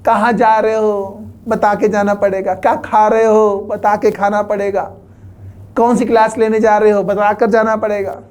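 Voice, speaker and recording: A man's voice: high voice, little pitch movement, measured pace, a little mellow. A man teaching chemistry to a class in a joking lecture, teasing the students and making playful mock threats.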